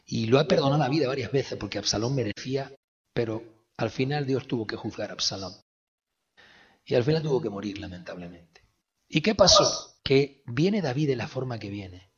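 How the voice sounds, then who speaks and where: A male preacher delivers a sermon with a very husky, breathy voice of middling pitch. He swings between emphatic, raised outbursts and quiet whispered lines. The recording is dull and lo-fi. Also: animated, moderate pace. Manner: dramatic swings from shouting to whispering.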